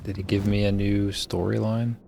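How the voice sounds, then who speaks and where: Rambling low-voiced male streamer. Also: little pitch movement, moderate pace, creaky, mellow, slight background noise. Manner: rambling, filler-heavy musing. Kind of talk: casual gameplay commentary.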